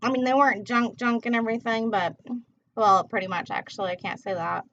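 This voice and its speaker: A woman's voice: a little high, a bit bright, slight background noise. Laid-back rambling woman smoking as she talks, muffled audio. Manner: laid-back, rambling, drawn-out slangy delivery; smoking while talking. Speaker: tarot reader hosting a livestream. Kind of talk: casual rambling livestream chat. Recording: dull, muffled lo-fi livestream audio.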